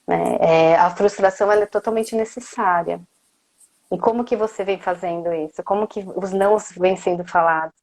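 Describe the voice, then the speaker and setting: A woman's voice: fairly low pitch, normal speed, darkish tone. A woman with a Brazilian accent, a coach giving a motivational parenting talk, who keeps asking her listeners questions and often tags her phrases with "né?". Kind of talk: motivational lecture.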